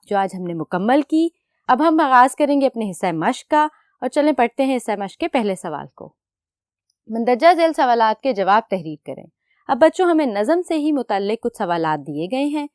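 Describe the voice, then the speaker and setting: A woman's voice: high voice, clear, resonant tone, dry recording, studio quality. A young woman teaching a recorded class, patiently explaining and putting questions to the children. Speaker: school teacher.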